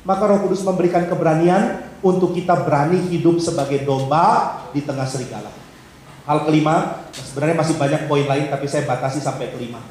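A man's voice: fairly high pitch, brisk, darkish tone. A male pastor preaching a humorous sermon, acting out small dialogues in changed voices. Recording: very echoey hall, faint background hiss.

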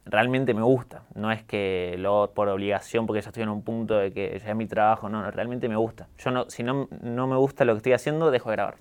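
Calm young Argentine man, smooth voice. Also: on the low side, quick pace, hardly any pauses. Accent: neutralized Argentine Spanish. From Córdoba, Argentina. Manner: calm, reflective, candid. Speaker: guest, YouTuber. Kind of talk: casual interview talk.

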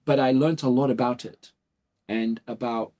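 A man's voice: medium pitch, steady tone, moderate pace, dark tone. A man in his forties, from South Africa and Portugal, talking casually as a clinic founder in an interview, rambling through stories with many fillers. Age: 40s. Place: dental clinic office.

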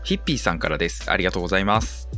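A man's voice: low voice, very animated, racing, sharp tone, soft background music. A man co-hosting a casual net radio show, chatting informally. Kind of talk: casual chat.

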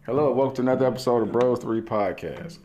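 A man hosting a casual podcast interview, talking in a halting, playful and joking way. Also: medium pitch, warm tone, soft background music. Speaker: podcast host.

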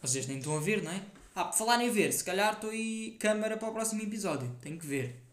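Slangy young Portuguese man, high voice. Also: lively intonation, quick pace, echoey room. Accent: European Portuguese. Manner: slangy, rambling, playful. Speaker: podcast host. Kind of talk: casual solo podcast chat.

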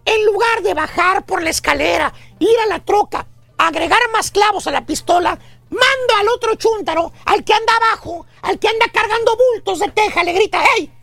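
Brief: a performer playing a squeaky, scornful gossip with a Mexican accent on a radio comedy show, who ends every jab with "güey". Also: normal speed, creaky, fairly bright tone, dry recording, heavily acted. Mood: mocking. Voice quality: very high squeaky voice. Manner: scornful, piles up insults, ends lines with güey. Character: shrill mocking gossip ranting about a bossy lazy man. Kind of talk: comic radio rant.

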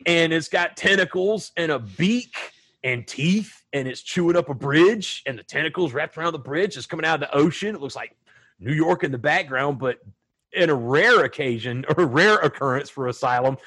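A man hosting a casual podcast, animated and joking as he leads the talk. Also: fairly high pitch, normal speed, husky. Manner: animated and joking, does mock announcements. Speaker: podcast host.

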